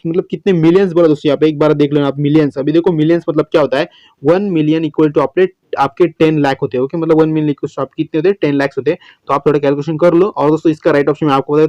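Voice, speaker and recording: A man solving exam questions as a biology teacher, chatty, often saying "okay", reading English questions slowly word by word. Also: fairly high pitch, dark tone, dry recording, highs cut off. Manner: chatty, repeats "okay" and "friends", many restarts. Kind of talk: exam-prep lesson, solving MCQs.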